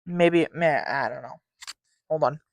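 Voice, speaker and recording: A man's voice: on the high side, measured pace, creaky, no room sound. Rambling teenage boy telling a story. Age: teens. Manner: rambling, full of fillers and restarts; loses track mid-story. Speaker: podcast host. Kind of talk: casual storytelling.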